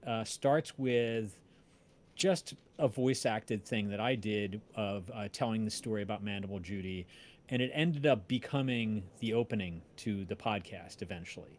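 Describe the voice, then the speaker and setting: A man with a lowish voice tells a story casually on a livestream, rambling, halting and often interrupting himself. He makes podcasts and voice dramas. There's slight background noise.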